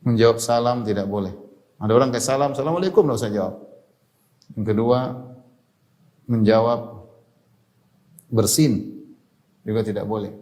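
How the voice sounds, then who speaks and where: A man preaching an Islamic religious lecture, explaining patiently, repeating key points and tagging his phrases with a quick "ya". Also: lowish voice, steady tone, warm tone.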